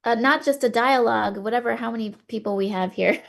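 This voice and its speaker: A woman's voice: on the high side, a little fast, creaky. A woman co-hosting a video call, eager and bubbly, laughing often. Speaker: co-host. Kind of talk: casual video call chat.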